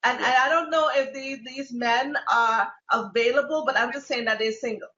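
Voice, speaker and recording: Bright, playful high-voiced woman host. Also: moderate pace. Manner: playful, teasing, laughs often. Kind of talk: casual talk show chat. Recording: lo-fi, roomy sound.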